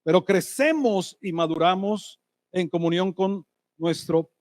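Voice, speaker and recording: A man preaching a sermon as pastor, lively and asking the congregation rhetorical questions. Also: sits high, measured pace, dry recording, clean studio sound. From Colombia. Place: church hall.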